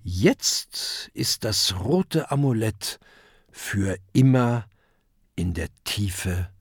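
A reader telling a children's adventure story in an expressive, dramatic way. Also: medium pitch, drawn-out words, husky, no room sound, studio quality. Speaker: audiobook reader. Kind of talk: children's audiobook narration.

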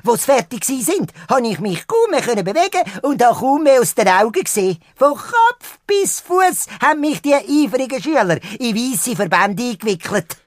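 Children's audio play lead: excitable, playful male parrot, Swiss German accent, very animated, dry studio sound. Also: extremely high pitch, normal speed, hardly any pauses, no echo. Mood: eager storytelling. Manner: playful, exclamatory, theatrical. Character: cheerful, excitable male cartoon parrot hero Globi. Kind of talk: children's audio drama with storytelling.

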